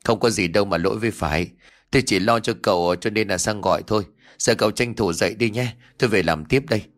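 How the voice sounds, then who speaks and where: A blunt, fussy older village man scolds in quick, low tones, as a male storyteller plays him. His speech is brisk and plain, a warm neighbor with no patience for nonsense in this storybook reading. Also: close to an everyday voice.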